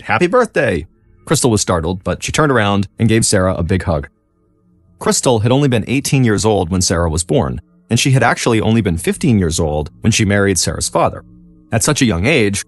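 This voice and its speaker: Male podcast narrator, lowish voice with lots of pitch movement; dramatic, scripted storytelling. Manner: dramatic storytelling, lively intonation. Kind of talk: scripted true-crime narration. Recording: faint music behind.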